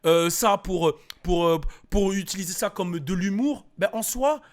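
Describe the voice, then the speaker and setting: A man's voice: high-pitched, normal speed. A man of Antillean background giving a casual spoken commentary, thinking aloud with many fillers and restarts. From French Antilles. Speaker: host. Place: United States.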